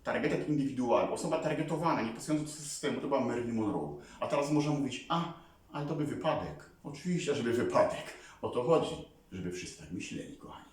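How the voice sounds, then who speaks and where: Animated man in a very echoey room. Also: medium pitch, quick pace. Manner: animated, rambling, keeps calling on viewers. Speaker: vlogger. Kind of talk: casual talk to camera. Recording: very echoey room, mic far away.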